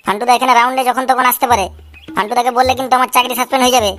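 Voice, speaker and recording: A woman's voice: a little high, fairly even intonation, racing, fairly bright tone, faint music behind, natural voice. A woman voicing a bossy, scheming adult man in a cartoon, lecturing a boy with constant checks.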